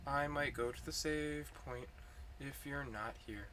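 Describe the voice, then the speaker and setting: A man's voice: medium pitch, a little slow, pushed and bright, a little hiss or hum. A man playing a horror game, chatting nervously and jokily and sometimes dropping to a whisper. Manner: nervous, jokey, drops to whispers. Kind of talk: casual let's play chatter.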